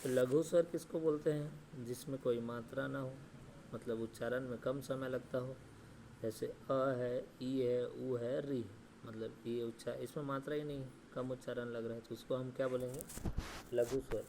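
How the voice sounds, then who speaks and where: Male teacher, mid-pitched, monotone delivery, quizzes and answers himself, stretches sounds to demonstrate, faint background noise. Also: normal speed. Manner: asks questions and answers them himself; repeats "ठीक है" and "है ना" often. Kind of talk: Hindi grammar lesson.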